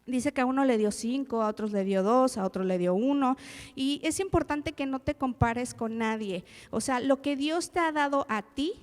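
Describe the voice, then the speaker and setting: A woman's voice: high voice, moderate pace. A woman preaching a sermon in a conversational way, often asking her listeners direct questions. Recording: long reverb of a large hall.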